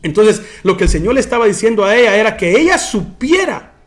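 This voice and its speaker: A pastor teaching a sermon. His voice is high for a man, and his delivery is animated. He keeps turning to his listeners as brother. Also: brisk.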